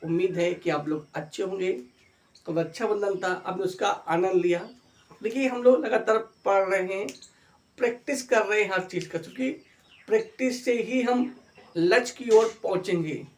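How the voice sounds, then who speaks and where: A middle-aged man teaching an English grammar lesson, encouraging students and drawing out example phrases slowly. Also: high-pitched.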